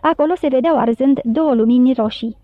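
A woman reads a story aloud at a steady, even pace. Her voice sits high. The recording is narrow and dry, like a phone line. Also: no room sound. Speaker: audiobook narrator. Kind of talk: storybook narration.

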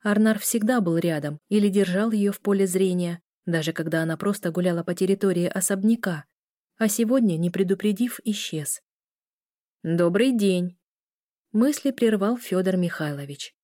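A woman narrating a novel in an even storytelling read. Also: medium pitch, brisk, no room sound, studio quality. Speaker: audiobook reader. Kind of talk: scripted narration.

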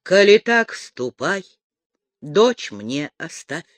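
A man voicing a stern, unyielding older trapper who speaks low, grave and measured. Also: very animated, fairly bright tone, no room sound, full character voice.

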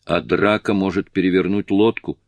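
A man's voice: steady tone, moderate pace, darkish tone, no room sound. A man voicing a weak woman castaway who pleads and cries out, in an audiobook. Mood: pleading. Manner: pleading, whispering then shrill.

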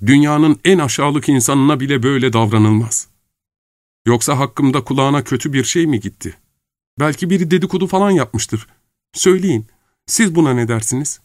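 A man's voice: medium pitch, moderate pace, dry recording, studio quality, pitched above the performer's own voice, lightly acted. A man reading a novel aloud, voicing a distraught young woman who pleads emotionally in a raised voice. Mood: pleading. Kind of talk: audiobook character reading.

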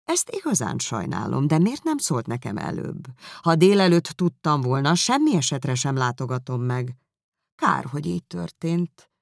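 A woman's voice: deep voice, very animated, creaky, no room sound, full character voice. A woman doing a dry, teasing father. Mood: mock-serious. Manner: mock-serious, teasing. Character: dry, ironic middle-aged father, teasing and calm.

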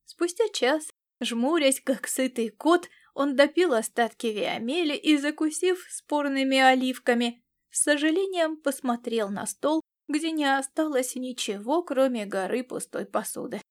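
A woman narrating a science fiction adventure audiobook in a lively storytelling manner. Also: high voice, a little slow.

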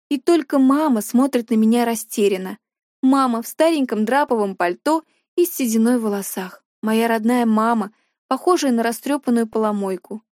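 A woman reading a first-person audiobook in an emotional, expressive way. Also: a little high, no room sound, studio quality. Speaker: audiobook narrator.

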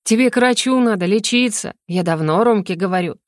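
A woman's voice: medium pitch, fairly quick, no room sound, studio quality, lightly acted. A woman doing a sneering, spiteful younger sister. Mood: mocking. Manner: sneering, dismissive.

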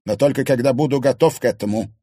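Man voicing a scheming, falsely gentle father. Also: medium pitch, fast, husky, no echo, studio quality, pitched above the performer's own voice, natural voice. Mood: defensive. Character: scheming middle-aged father, smooth and controlling.

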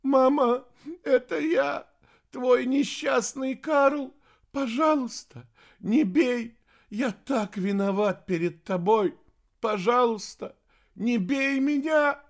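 A man's voice: very high-pitched, slow, gravelly, voice pushed up, heavily acted. A man voicing a cowardly, treacherous young heir who sobs and pleads, then snarls viciously, in an audiobook. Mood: sobbing pleading. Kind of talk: audiobook character voice.

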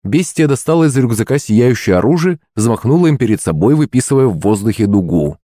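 A man reading a fantasy audiobook as a steady, even first-person narration. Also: medium pitch, a little fast, no room sound, studio quality.

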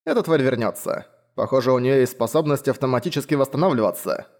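Man doing a hoarse slow drawl from a talking hand. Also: mid-range voice, a little mellow, natural voice. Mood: sardonic. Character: ancient sardonic parasite voice in a hand.

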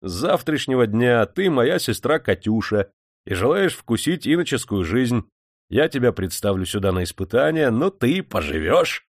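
A man's voice: medium pitch, big pitch swings, normal speed, dry recording, studio quality. A man doing a jovial young guardsman. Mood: hearty. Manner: loud, hearty, commanding.

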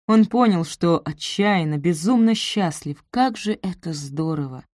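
Mellow, low-pitched woman narrating a romance. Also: expressive, a little slow, dry recording, clean studio sound. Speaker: audiobook narrator.

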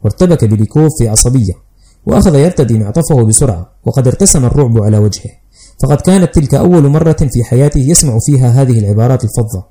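A man narrating a classic story as an audiobook, in a brisk, even storytelling manner. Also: mid-range voice.

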